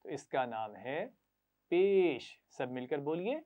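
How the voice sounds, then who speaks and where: A man's voice: medium pitch, sing-song. A man teaching children Quran reading, patiently sounding out syllables for them to repeat and praising them often. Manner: patient, repeats syllables slowly for pupils to echo; frequent praise. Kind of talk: classroom lesson to children. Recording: tinny phone-like sound.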